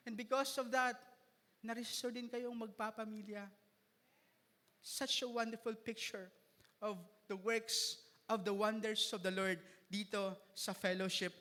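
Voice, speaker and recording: High-voiced pastor preaching in a hall. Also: male voice, sharp tone. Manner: mixes Tagalog and English, jokes with the congregation. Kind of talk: sermon. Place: church hall. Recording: reverberant church hall.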